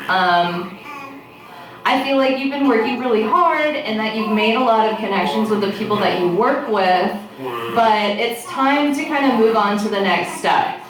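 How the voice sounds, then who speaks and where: A woman speaking as a fortune teller, giving a casual, unscripted tarot reading straight to the listener and thinking aloud as she goes. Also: a little high. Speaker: tarot card reader. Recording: echoey room, distant mic, background noise.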